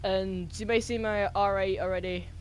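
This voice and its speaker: A man's voice: sits high, steady tone, normal speed, slight background noise. A man co-hosting a gaming video, giving a casual intro with frequent ums and restarts. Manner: hesitant, lots of ums. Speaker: co-host.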